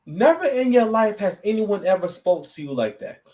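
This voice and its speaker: Male podcast host, lively swooping voice, slightly raised pitch, set back from the mic, rambling mocking commentary. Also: moderate pace, distant mic, low-quality recording. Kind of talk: casual reaction commentary.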